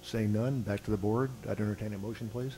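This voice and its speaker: A man's voice: fairly low pitch, steady tone, quick pace, dark tone, slight background noise, low-quality recording. A man chairing a public board meeting, procedural, with a dry sense of humor. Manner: procedural, with dry joking asides.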